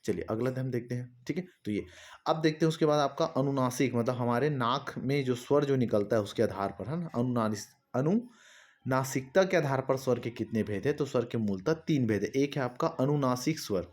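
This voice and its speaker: Medium-pitched and expressive with a darkish tone, this Chhattisgarh teacher speaks at normal speed through an exam-prep grammar lesson. He repeats explanations, answers his own questions, and keeps checking on his students, speaking to them directly with "है ना" and similar fillers.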